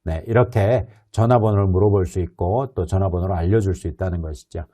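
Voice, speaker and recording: A man teaching an English lesson, explaining patiently and reading model sentences slowly and clearly for learners to repeat. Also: low-pitched, warm tone. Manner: explains patiently, with rhetorical questions. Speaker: English instructor.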